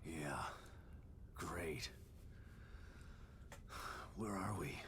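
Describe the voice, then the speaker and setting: An actor playing a washed-up, grieving ex-cop in a video game, sarcastic and angry, in a gravelly, breathy growl. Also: male voice, rumbling low, drawn-out words, fairly bright tone, a little hiss or hum, exaggerated voice. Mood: weary sarcasm. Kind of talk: dramatic video game acting.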